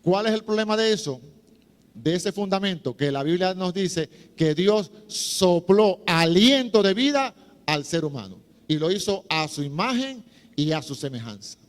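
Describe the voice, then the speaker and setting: A man's voice: high voice, animated, normal speed. Chatty middle-aged male preacher, echoey hall. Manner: chatty, humorous, acts out voices. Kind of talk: sermon-style teaching talk.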